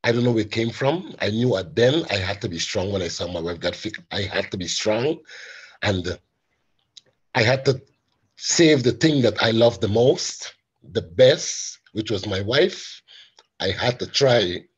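A man with a low, very husky voice speaks from the heart, his words catching with tears. The sound is dull and lo-fi, like a video call. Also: expressive, measured pace. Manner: heartfelt, acts out quoted dialogue. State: tearful, voice breaking. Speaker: caregiver sharing his story. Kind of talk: personal testimony in a webinar.

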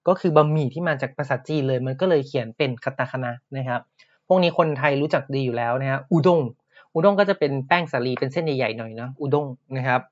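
Man, podcast language teacher, patient, repeats words slowly, slightly muffled recording. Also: mid-range voice.

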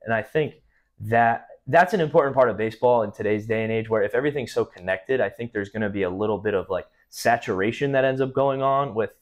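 A man's voice: fairly low pitch, quick pace. A young man hosting a podcast interview in a small studio room, asking long, thoughtful questions. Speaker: podcast host. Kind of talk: casual interview.

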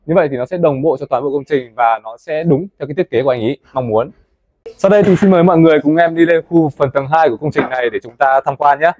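A young man presenting a tour of a café building site, talking quickly and chattily to viewers, recorded on a lapel mic inside a large wooden building. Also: fairly high pitch, darkish tone, no echo. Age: young adult. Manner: fast, chatty, addresses viewers as "mọi người". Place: indoors in a large wooden café under construction.

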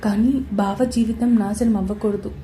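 A woman voicing an anxious but determined young woman in a romance story, talking in a hurried way. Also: mid-range voice, fairly even intonation, dark tone, a little hiss or hum, close to an everyday voice. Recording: roomy echoey recording.

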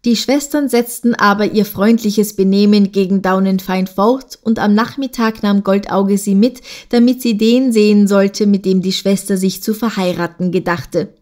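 Audiobook narrator, woman, measured scripted storytelling. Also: medium pitch, steady tone, darkish tone.

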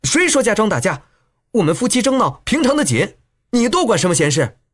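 Male narrator doing a shrill, scolding young woman fighter, audiobook. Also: very animated, fairly quick, slightly rough. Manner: sharp, scolding, quarrelsome. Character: fiery young woman swordfighter.

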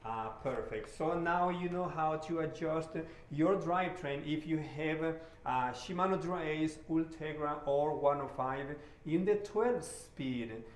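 Friendly bike mechanic. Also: male voice, fairly high pitch, measured pace, hardly any pauses, echoey room. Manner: relaxed and friendly, with many "uh" fillers. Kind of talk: hands-on repair tutorial. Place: bike shop showroom, indoors.

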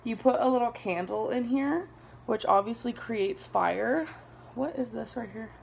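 A vlogger in her twenties, with a fairly high, gravelly voice, talks unhurriedly to a camera on the desk below her. She's in a small bedroom, rambling and laughing often, with a little hiss or hum on the recording.

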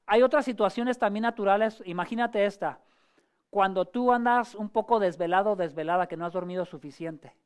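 Conversational pastor preaching with questions. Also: male voice, high voice, a little fast, clean tone. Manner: frequent hesitations and restarts. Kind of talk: sermon.

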